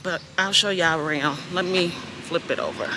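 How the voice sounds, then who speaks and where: A woman's voice: on the low side, moderate pace, noisy background. A woman in her fifties chatting casually to her viewers in a self-filmed vlog, recorded on a phone at a park and in her car. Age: 50s. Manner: chatty, talks straight to viewers, many fillers. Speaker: vlogger. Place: outdoors at a park and in a parked car.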